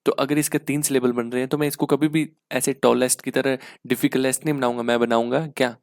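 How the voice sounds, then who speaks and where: Young indian man, english teacher, gravelly voice, dry close sound, slow word-by-word reading, rhetorical check-ins. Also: medium pitch, little pitch movement, no echo. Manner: explains slowly, reads sentences out word by word; checks in with repeated rhetorical questions. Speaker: English teacher for exam prep. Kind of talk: casual online exam-prep lesson.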